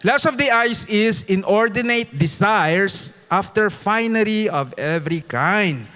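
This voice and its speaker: Filipino man, high voice, lively Bible study teacher who chuckles and calls on the congregation. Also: slow pace. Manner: lively, mixing English into Tagalog, with chuckles and audience prompts. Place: church.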